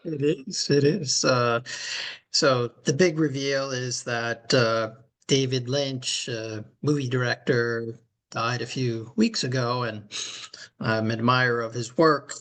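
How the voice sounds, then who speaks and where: A man's voice: medium pitch, slow pace, fairly bright tone. A middle-aged man co-hosting a podcast, chatting casually and rambling with many fillers and restarts. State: recovering from knee replacement surgery. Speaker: podcast co-host. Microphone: remote call audio.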